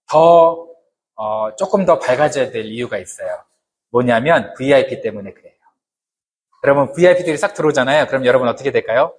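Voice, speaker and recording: A man's voice: mid-range voice, a little hiss or hum. A man preaching a sermon to his congregation in a conversational way, often asking them questions and adding humorous asides. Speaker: pastor.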